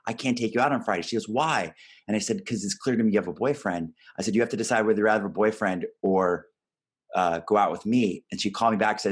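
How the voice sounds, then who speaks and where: A man in his forties hosting an interview, chatting and telling his own anecdote in a relaxed, conversational way, quick to laugh. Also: fairly low pitch, slightly rough. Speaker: podcast host.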